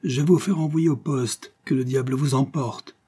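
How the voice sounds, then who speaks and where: A man's voice: on the low side, moderate pace, mellow, breathy edge. A man voicing an indignant lawyer who scolds a beggar sharply. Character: indignant male lawyer, stern, moralizing.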